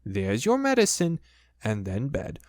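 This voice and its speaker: A reader voicing a fussy mother kangaroo in a storybook, brisk, soothing and firm. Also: mid-range voice, huge pitch swings, a little mellow, no room sound, studio quality. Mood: brisk, motherly. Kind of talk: storybook reading.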